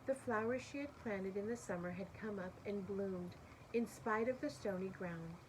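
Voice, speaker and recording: A storybook reader with a medium-pitched voice reads a picture book to young listeners at a moderate pace. She is expressive and leaves room for asides and questions to whoever is listening, with faint noise in the background.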